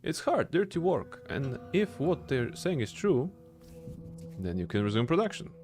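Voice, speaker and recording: Brief: male streamer voicing a haughty young rich heir, lively pitch, game dialogue read aloud, faint music. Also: moderate pace, lightly acted. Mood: firm. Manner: lofty, formal reading of game dialogue.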